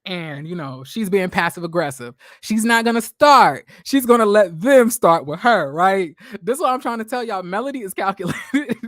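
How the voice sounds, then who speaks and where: A man's voice: high-pitched, animated, normal speed, a bit bright, dry recording, clean studio sound. A man hosting a livestream recap of a reality show, reading viewer comments and answering in a blunt, sassy, profane way with many rhetorical questions.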